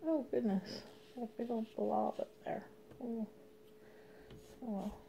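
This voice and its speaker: A young woman chatting casually while she paints a craft project, rambling and laughing often, sometimes dropping to a soft murmur. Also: fairly high pitch, fairly even intonation, measured pace, gravelly, very noisy. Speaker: craft vlogger.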